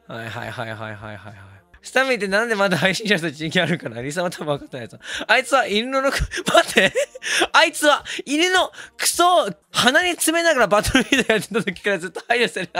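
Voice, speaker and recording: A hoarse man, talking casually on stream, excitable and quick to laugh or yell. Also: high-pitched, no room sound. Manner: excitable, switches between laughing and yelling. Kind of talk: casual stream talk reacting to comments.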